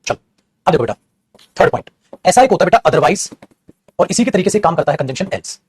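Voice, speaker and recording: A man's voice: high-pitched, sing-song, fairly quick, slightly rough. A man with an Indian accent teaching an English grammar lesson in Hindi, repeating each point and calling his students "beta".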